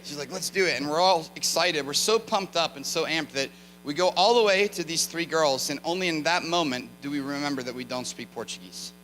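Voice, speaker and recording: A man preaching from a church platform, his bright voice sitting a little high. He tells his story in a chatty, lively way and often turns to the congregation with asides. The sound rings with long church reverb over a faint electrical hum. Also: fairly quick. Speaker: guest preacher. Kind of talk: sermon with storytelling. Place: church sanctuary.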